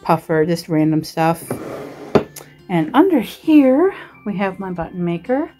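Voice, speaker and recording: With music in the background, an Australian woman shows off her desk in a chatty vlog, rambling with a giggly, self-deprecating humor. She's a vlogger and writer whose lowish voice swings widely in pitch and moves a little slowly.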